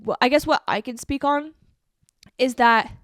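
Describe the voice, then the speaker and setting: A woman's voice: high-pitched, measured pace, dry recording, studio quality. A woman in her twenties hosting a solo podcast, talking casually with lots of fillers. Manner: casual, animated, many fillers like "like" and "um". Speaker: podcast host.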